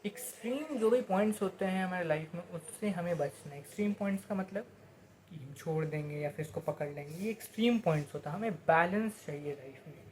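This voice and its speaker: A man giving a casual motivational talk. He explains with everyday examples and rhetorical questions, and switches into slower, deliberate English phrases. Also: sits high, darkish tone. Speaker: motivational speaker.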